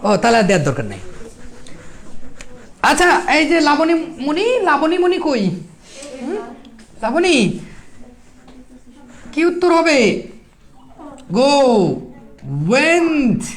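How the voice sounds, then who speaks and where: High-voiced woman quizzing a class. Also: very animated. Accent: Bangladeshi Bengali. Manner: quizzes students with quick rhetorical questions. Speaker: English teacher at an admission coaching class. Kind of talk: classroom lecture.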